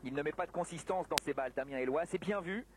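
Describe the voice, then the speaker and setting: A man's voice: a little high, fast. A man giving live sports commentary on a table tennis match. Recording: noisy sports hall broadcast, background ambience. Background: sports hall noise.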